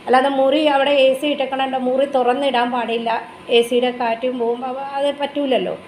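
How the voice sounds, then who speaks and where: A woman's voice: sits high, flat delivery, a little fast, darkish tone. A woman with a Malayali accent, vlogging at home and talking to her dog in doting baby talk between chatty asides to viewers. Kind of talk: casual home vlog, cooing to her dog. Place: home, kitchen area. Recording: echoey home room with faint background noise.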